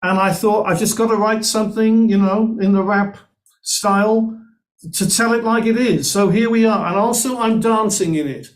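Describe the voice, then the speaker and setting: Man, musician guest, quite high-pitched, enthusiastic, chatty, casual call. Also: moderate pace. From Wales. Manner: enthusiastic, chatty, repeats himself. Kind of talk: casual video-call chat.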